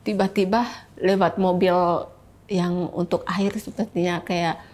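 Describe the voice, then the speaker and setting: A woman's voice: on the low side, flat delivery, measured pace, a little mellow. A woman telling her personal story in an interview, speaking to the host as "Kak" and acting out the voices of the people in her story. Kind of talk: emotional personal testimony in an interview.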